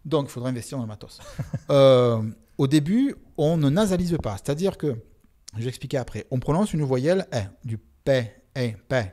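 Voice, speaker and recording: Mellow Marseille-accented man explaining speech. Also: mid-range voice, a little fast. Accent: Marseille French. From Marseille, France. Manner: lively, expressive explainer, demonstrates pronunciations. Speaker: sociolinguist guest. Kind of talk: casual explanatory interview.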